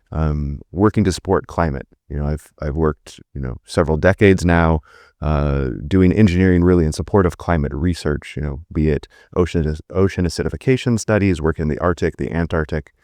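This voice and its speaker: A middle-aged man, a company CEO, explaining his work in a relaxed, conversational way on a panel. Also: low voice, smooth, dry recording, clean studio sound. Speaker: startup CEO.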